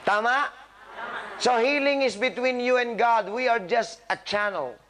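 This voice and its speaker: Man, high voice, doctor, live audience talk, teasing, scolding with humor, quizzing listeners. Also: a little slow, a bit bright, slight background noise. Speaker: doctor speaking to patients. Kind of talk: live motivational health talk.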